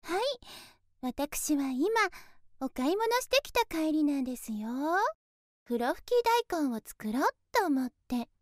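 A woman's voice: sits high, expressive, unhurried, darkish tone, no room sound, clean studio sound. A woman voicing a naive, sheltered young woman who speaks in very polite, airy, innocent formal speech, in a one-sided voice drama. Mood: sweet, naive.

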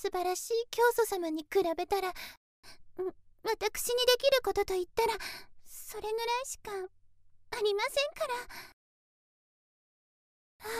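A woman plays a sheltered, innocent young lady in a one-sided voice drama, her voice pitched extremely high and sweet. She speaks in very polite, airy formal speech, trusting and naive. The sound is close and completely dry, with no room around it. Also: no room sound. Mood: earnest, gushing.

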